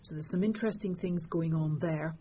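Older woman, low husky voice, wry and animated storyteller, lo-fi interview. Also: fairly quick. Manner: lively storytelling, fond of understatement. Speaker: interviewed astronomer. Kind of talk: conversational interview. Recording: dull lo-fi sound.

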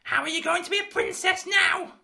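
A woman playing an exasperated mother who scolds her daughter in a shouting panto style. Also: extremely high pitch, a little fast, full character voice. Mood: scolding.

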